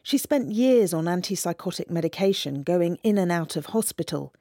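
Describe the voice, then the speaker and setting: Expressive woman narrating a documentary. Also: on the low side, dry recording, studio quality. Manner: measured, expressive storytelling. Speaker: reporter.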